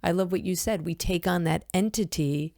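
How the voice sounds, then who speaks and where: Woman, yoga-teacher host, low gravelly voice, earnest and direct. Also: normal speed, a little mellow, no room sound, studio quality. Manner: earnest, addresses listeners as "my friends". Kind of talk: reflective podcast conversation.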